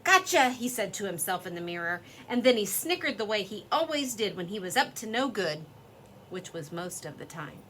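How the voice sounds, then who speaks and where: A woman reading a children's story aloud in an expressive, lively storytelling way. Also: mid-range voice, moderate pace, a little hiss or hum.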